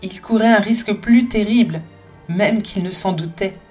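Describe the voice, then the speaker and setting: A woman's voice: mid-range voice, normal speed, a little mellow, slightly rough, faint music behind, pitched above the performer's own voice, natural voice. A woman voicing a spirited, passionate French woman in an audiobook, talking emphatically and with many exclamations. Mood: fervent. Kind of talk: audiobook character reading.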